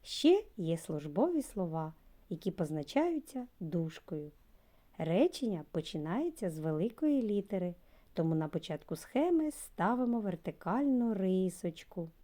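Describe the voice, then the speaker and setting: A woman's voice: mid-range voice, very animated, warm tone. A woman kindergarten teacher from Ukraine giving a recorded lesson to preschoolers, speaking to them directly. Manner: slow, sing-song, addresses children directly.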